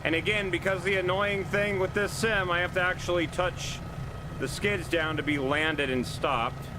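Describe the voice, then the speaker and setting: A man's voice: high-pitched, steady tone, moderate pace. A man chatting casually on a livestream while flying a helicopter simulator. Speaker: game streamer, sim pilot. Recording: loud aircraft noise behind voice. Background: helicopter simulator engine noise.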